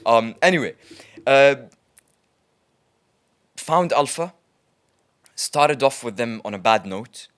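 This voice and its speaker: A man, a trader guest, telling stories in a casual interview in a chatty, lively way, with frequent ums. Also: medium pitch, measured pace.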